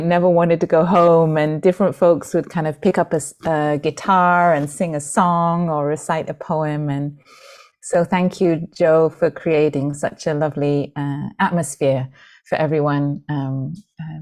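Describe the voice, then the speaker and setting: A British woman in her forties, a Buddhist nun, speaking gently and reflectively to an online gathering. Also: low-pitched, level tone, moderate pace. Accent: British, with an international lilt. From Britain. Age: 40s. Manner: gentle, reflective, with soft fillers and restarts. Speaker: Buddhist nun and Dharma teacher. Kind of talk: heartfelt talk to an online community. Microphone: video call.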